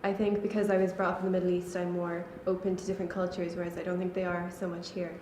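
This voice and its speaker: A woman's voice: lowish voice, fast. A young woman, a college student, answers interview questions in a loose, casual way. Her answers are full of fillers like "um" and "like." She sounds like she is in an echoey room, with faint noise behind her. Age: young adult. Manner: relaxed, with frequent fillers like "like" and "um".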